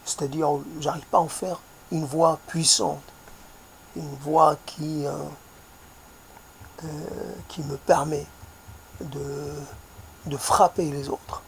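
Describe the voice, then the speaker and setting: Soft accented guy thinking out loud, lots of ums, kinda high voice and slow. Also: steady tone, a little hiss or hum. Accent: foreign accent in French. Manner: hesitant, searching for words, many fillers; soft-spoken. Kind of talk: reflective spoken monologue.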